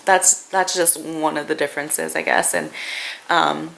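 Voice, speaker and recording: Her voice sits low, steady, gravelly and fairly bright as this young woman, a native Vietnamese speaker raised in a Vietnamese-speaking family, vlogs about her family life. She talks informally and haltingly, working through her thoughts aloud, over noisy, clicky home-video sound.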